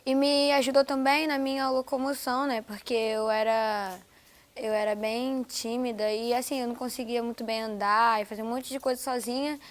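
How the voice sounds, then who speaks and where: A woman actress talks about her own experience in a documentary interview. Her voice is slightly high and gentle. She speaks in a reflective way. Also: fairly even intonation. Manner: soft, reflective, slow in places.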